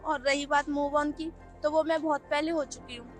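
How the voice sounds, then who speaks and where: A woman's voice: high voice, little pitch movement, normal speed, soft background music, natural voice. A young woman playing a poor, earnest young woman who reproaches her ex-boyfriend in a web skit. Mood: reproachful. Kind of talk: Hindi web skit acting.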